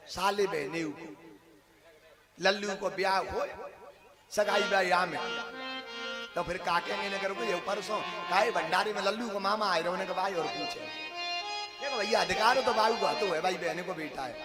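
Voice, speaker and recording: A man telling a devotional story as a preacher, lively and acting out voices, with bursts of song. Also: sits high. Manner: lively, acts out voices, breaks into song, laughs. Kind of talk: devotional katha storytelling with singing. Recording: music playing behind.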